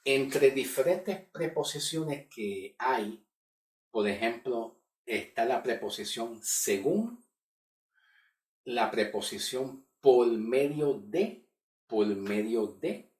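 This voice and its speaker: A man's voice: mid-range voice, lively intonation, slow pace, a little mellow. A man teaching a Bible study lesson, who repeats key words and keeps checking in with his listeners. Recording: echoey room, voice from far off the mic.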